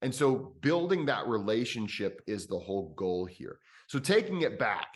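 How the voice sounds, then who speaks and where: A man with a lowish voice explains breathing technique to another guest. He talks off the cuff, circling back and restarting phrases, then leaning hard into the words that matter. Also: normal speed. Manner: thinks aloud with restarts, animated emphasis. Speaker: breathwork coach. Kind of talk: conversational explanation.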